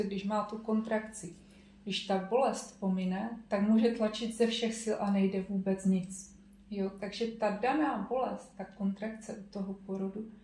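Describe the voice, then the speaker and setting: A woman's voice: medium pitch, warm tone, a little hiss or hum. Woman preaching in an echoey room. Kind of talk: sermon.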